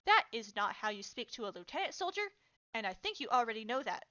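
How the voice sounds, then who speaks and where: A woman voicing a cold, bullying male army lieutenant who barks loud orders, for a fan audio reading. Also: on the high side, expressive, moderate pace, dull audio. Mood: scolding.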